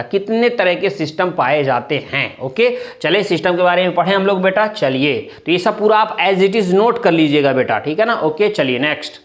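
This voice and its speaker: A male chemistry teacher giving a classroom lecture in with terms, calling students "beta" and asking and answering his own questions. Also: high voice. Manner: calls students "beta", asks and answers his own questions, often says "thik hai na".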